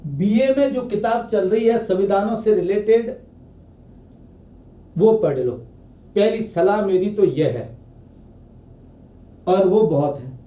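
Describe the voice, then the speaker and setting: Man, high voice, mellow tone, lecturing, repeats his advice, echoey room, distant mic. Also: takes it slowly, pauses often. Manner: direct, repetitive advice to students. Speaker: political science teacher. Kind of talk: exam preparation lecture.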